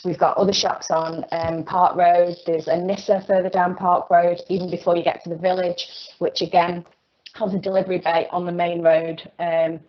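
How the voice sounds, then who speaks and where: A woman's voice: on the low side, little pitch movement. A woman speaking as a local resident, giving an earnest formal statement to a committee with many fillers. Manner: earnest, halting with frequent fillers. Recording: dull online call audio.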